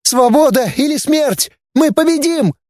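A man reading an audiobook voices a shrill, hysterical young woman agitator who shrieks her slogans. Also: expressive, a little slow, dry recording, clean studio sound. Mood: shrieking fanatical. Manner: screeching, slogan-shouting.

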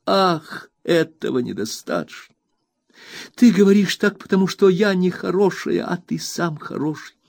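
A man's voice: sing-song, slow pace, creaky, no room sound, studio quality, heavily acted. A man voicing a tearful, remorseful young woman who pleads between sobs. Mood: sobbing plea. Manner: sobbing, high-strung pleading.

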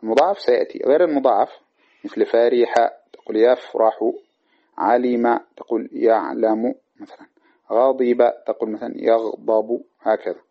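A man with a husky, breathy voice teaches classical grammar in a lecture, patient and methodical, stopping often to ask if it is clear. His speaking pitch sits in an ordinary middle range. The recording is dull and lo-fi. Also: steady tone, normal speed. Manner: patient explainer with frequent check-in questions.

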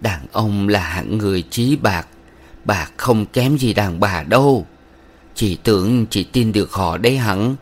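A man's voice: on the low side, expressive, unhurried. A man voicing a stern, moralizing middle-aged village matron who lectures a young woman with sugary sternness in a read-aloud novel. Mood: lecturing.

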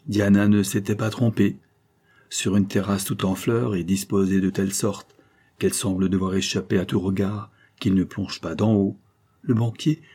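A man narrating a classic adventure novel as an audiobook, in a measured, dramatic storytelling manner. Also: lowish voice, dark tone, slightly rough. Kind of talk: scripted literary narration.

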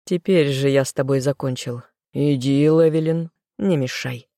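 A woman reading an audiobook, voicing a cold, sneering young nobleman husband with a low, growling, hushed delivery. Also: moderate pace, no echo, clean studio sound. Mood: contemptuous.

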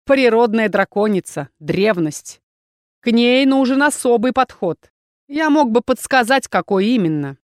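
A woman's voice: a little high, animated, measured pace, dry recording. A woman voicing an arrogant male inquisitor lord who talks in a mocking, insolent, pushy way, recorded dry.

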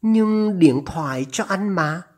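Narrator doing a soft, scheming young woman. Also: mid-range voice, expressive, slow, voice pushed up. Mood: calm, coaxing.

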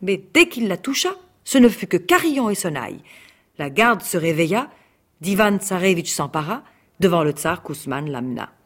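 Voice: mid-range voice, big pitch swings, moderate pace, a bit bright. Rhythmic fairy-tale narrator. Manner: rhythmic, chant-like on refrains. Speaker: actor reading a childhood book. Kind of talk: storybook narration. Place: radio studio.

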